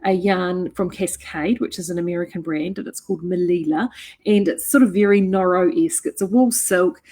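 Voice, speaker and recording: A middle-aged New Zealand woman who owns a yarn shop and vlogs about knitting chats casually to the camera from her store. Her mid-range voice is a little mellow and slightly rough. She's enthusiastic, her talk full of fillers and restarts.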